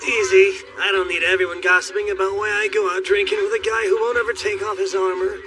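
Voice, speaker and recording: A man voicing a brash, boastful young male warrior in an anime English dub, loud and teasing, often shouting. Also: high voice, level tone, fast talker, over music, close to an everyday voice. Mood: boisterous. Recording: distant voice under loud score.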